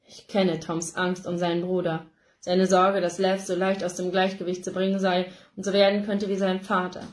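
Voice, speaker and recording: A woman reading a first-person novel aloud in an emotive, expressive narration, recorded indoors. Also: fairly low pitch. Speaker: audiobook reader. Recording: roomy echo.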